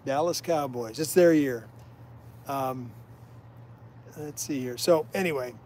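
A middle-aged man from Iowa, the host's father, joins a fishing livestream outdoors by a canal as a guest storyteller, reading viewer comments and telling rambling history stories. He's folksy and drifts onto side tracks, speaking slowly in a mid-range, darkish voice. There's slight background noise.

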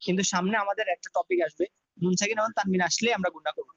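A man's voice: high voice, steady tone, racing, gravelly, fairly bright tone, no echo, highs cut off. A man teaching Quran recitation rules, spelling words out syllable by syllable and then joining them, in a patient lesson style. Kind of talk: slow syllable-by-syllable tajweed lesson.

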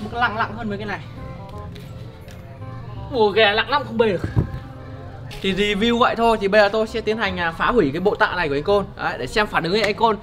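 Young male host, brisk casual vlog patter, camera mic. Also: sits high, fairly bright tone, faint music behind. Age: young adult. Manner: chatty, upbeat, addresses viewers directly. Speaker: vlogger host. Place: outdoor yard and indoor storeroom.

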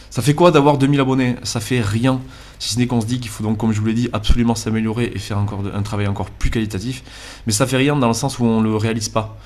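Earnest southwestern French man in his twenties. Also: lowish voice. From Landes, southwest France. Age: 20s. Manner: earnest, hesitant with frequent "euh" fillers. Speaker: YouTube gaming channel host. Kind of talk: voice-over commentary over gameplay. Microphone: basic cheap microphone.

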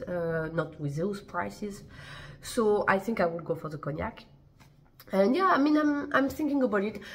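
A fashion vlogger chats casually to camera from her living room, her fairly low voice stuffy and blocked from a cold. She's talkative but hesitant, full of fillers and restarts.

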